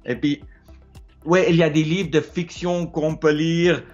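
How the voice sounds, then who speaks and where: Here a South African explorer, middle-aged and with an Afrikaans accent, gives casual advice in French, which is his second language. He pitches fairly high with a flat delivery, slightly mellow, and keeps pausing, repeating himself and searching for words. The phone sits close and low in a wood-ceilinged room, the recording lacks highs, and faint music plays behind him.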